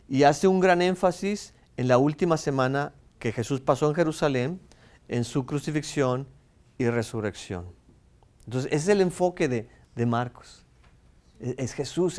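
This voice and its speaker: A man teaching a lesson on the Bible, explaining step by step, asking his listeners quick questions and often repeating words as he talks. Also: fairly high pitch, darkish tone. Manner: asks the audience rhetorical questions.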